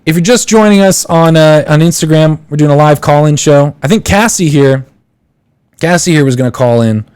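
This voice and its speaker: A podcast host in his thirties runs a live call-in show, offering casual advice in a rambling style full of fillers and restarts. His voice is fairly high-pitched, with a darkish, smooth tone, and he speaks at a moderate pace.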